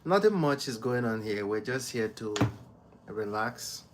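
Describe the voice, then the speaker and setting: A man's voice: on the low side, noisy background. A man hosting a casual livestream, reading viewer comments aloud and teasing them with frequent laughter. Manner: slow, relaxed talk with many fillers. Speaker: livestream host reading chat. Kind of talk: casual live chat.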